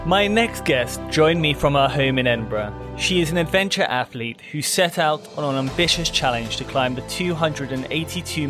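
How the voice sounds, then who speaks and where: Male podcast host, measured scripted delivery, music bed underneath. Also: mid-range voice. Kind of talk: scripted introduction and questions.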